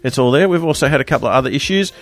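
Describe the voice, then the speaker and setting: Give me a hoarse, croaky Australian man presenting a casual, chatty radio show. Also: mid-range voice, expressive, racing, fairly bright tone, soft background music. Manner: chatty, loose, jokey banter.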